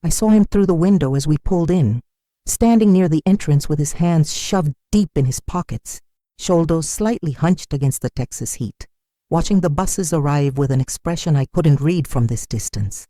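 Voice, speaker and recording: A woman reading a scripted first-person story in an even, measured way. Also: sits low, no room sound, clean studio sound.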